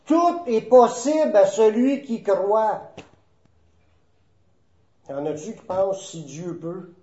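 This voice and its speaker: A male preacher with a Quebec French accent, his voice pitched high for a man and unhurried. He hammers his key phrases through repetition. The sound is roomy and a little dull. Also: lively intonation, warm tone. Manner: emphatic, repeats key phrases. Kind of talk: sermon.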